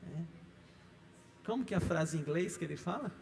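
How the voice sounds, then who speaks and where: A man's voice: a little high, animated, rapid-fire, vocal fry, darkish tone. A middle-aged male pastor with a Brazilian Portuguese accent, preaching emphatically in a church, stressing points with rising repeated lists. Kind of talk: sermon teaching. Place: church hall. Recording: echoey church hall.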